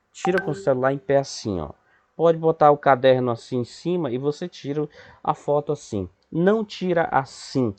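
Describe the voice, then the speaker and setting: A man's voice: mid-range voice, darkish tone. A man with a Brazilian accent teaching a Portuguese class, explaining patiently and often checking in with his students. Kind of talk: recorded remote class lesson.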